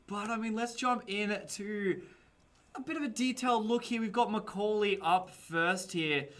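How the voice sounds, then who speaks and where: A man doing live esports commentary, with a bright, forward tone that sits a little high. He keeps it chatty and laughs easily, and he stumbles over tricky names. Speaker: esports caster.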